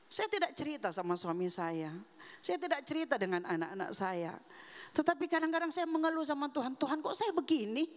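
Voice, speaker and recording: A woman's voice: high-pitched, very animated, a little fast. A middle-aged woman from Manado giving a heartfelt sermon testimony, speaking earnestly and confessionally to the congregation. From Manado, Indonesia. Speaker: guest preacher. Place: church sanctuary. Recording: reverberant church hall.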